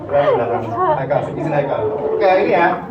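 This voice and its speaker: A male trainer leads a relaxed public speaking workshop, chatting directly with his students in a slightly raised voice. He sounds set back from the mic in a roomy classroom, and the recording is dull and lo-fi. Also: sits high, moderate pace, a loud crowd, heavy background noise. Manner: chatty, addresses audience directly, mixes in English terms. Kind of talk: casual workshop lecture to students. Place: university classroom. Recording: echoey room, distant mic, dull lo-fi sound.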